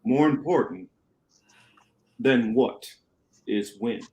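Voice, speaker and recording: In an amateur radio play, a man with a mid-pitched voice portrays the calm, wise captain of a rebel ship, speaking in a measured, explanatory way. The mood is calm and grave, and the recording is muffled, set in an echoey room.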